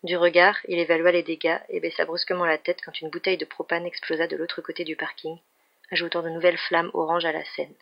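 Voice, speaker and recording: Female novel reader, steady, monotone and gravelly delivery, dull lo-fi recording. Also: on the low side, quick pace. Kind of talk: audiobook reading of a novel.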